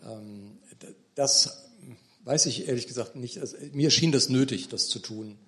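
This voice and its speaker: A man's voice: mid-range voice, measured pace, a bit bright. A middle-aged man talking about his book in a lecture hall, hesitant, with many fillers and restarts. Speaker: author at a book talk. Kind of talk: thoughtful academic talk.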